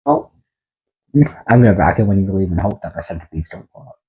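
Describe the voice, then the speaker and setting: A woman co-hosting a podcast, chatting casually in an excitable, rambling way and swearing now and then. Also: a bass voice, fairly quick, rough recording. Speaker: podcast co-host. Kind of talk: casual chat.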